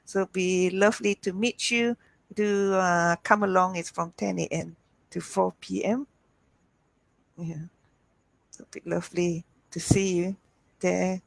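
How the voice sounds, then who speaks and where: A woman's voice: on the low side, fairly even intonation, measured pace, vocal fry, long pauses, dry recording, poor audio. A woman hosting an online healing show, chatting informally in a hesitant, meandering way. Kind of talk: informal chat to online audience.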